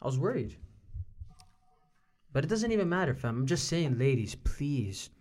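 A man's voice: a little high, very animated, normal speed, darkish tone. A young man with a Toronto urban slang accent, chatting casually and insistently as a podcast panelist, often repeating phrases for emphasis. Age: young adult. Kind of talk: casual chat.

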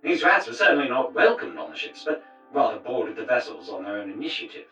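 A man's voice: medium pitch, sing-song, vocal fry, pushed and bright, pitched above the performer's own voice, exaggerated voice. A man voicing a male professor lecturing on television, heard as distant muffled TV sound. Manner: measured, lecturing. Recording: roomy, muffled TV audio with music.

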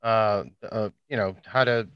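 A man's voice: on the low side, fairly even intonation, a little slow, smooth, no echo, highs cut off. A man in casual podcast conversation, speaking bluntly and swearing freely. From Cuban background. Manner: blunt, profane.

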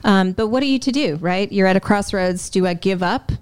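A woman guest telling her own life story in a candid, conversational way, often with "um" and "like", acting out her past thoughts in a higher voice. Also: brisk, clear, resonant tone, no room sound. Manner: frequent "um" and "like", self-interrupting. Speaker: interview guest.

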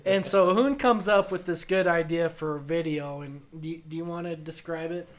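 A man from Wyoming with a notably high voice, co-hosting a casual podcast. He tells stories animatedly and swears freely. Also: steady tone, normal speed. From Wyoming, USA. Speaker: podcast co-host. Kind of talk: casual chat.

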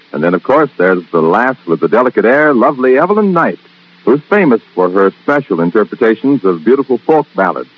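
Male network announcer, lively swooping sales pitch, slightly husky, dull lo-fi sound of an old broadcast disc. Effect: old broadcast transcription disc. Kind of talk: promotional radio announcing. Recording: dull lo-fi 1940s radio disc.

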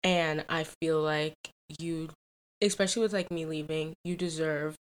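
A woman's voice: deep voice, steady tone, normal speed, clear, resonant tone. A young woman in her late teens, co-hosting a casual podcast with her mother, speaking heartfelt and rambling. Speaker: podcast co-host, daughter. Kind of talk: casual chat.

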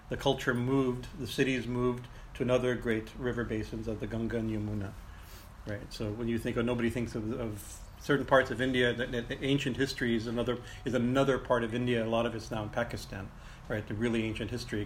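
A man teaching and telling ancient myths informally, in a halting way that circles back over phrases and often checks in with "right?". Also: mid-range voice. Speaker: teacher and storyteller. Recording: clearly noisy ambient background.

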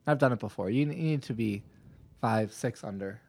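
A man hosting a podcast, telling a golf story in animated casual chat and acting out his own thoughts. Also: lowish voice, normal speed, vocal fry. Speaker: podcast host, golfer.

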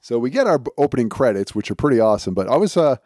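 A man's voice: mid-range voice, big pitch swings, rapid-fire, dark tone, no echo, clean studio sound. A man hosting a podcast in a casual, chatty style. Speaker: podcast host. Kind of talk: casual chat.

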